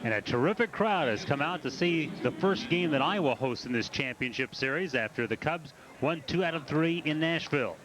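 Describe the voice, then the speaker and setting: Slightly high-voiced male baseball announcer. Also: lively intonation, moderate pace, few pauses, rough recording. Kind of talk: baseball play-by-play commentary. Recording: ballpark crowd behind the voice. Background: stadium crowd.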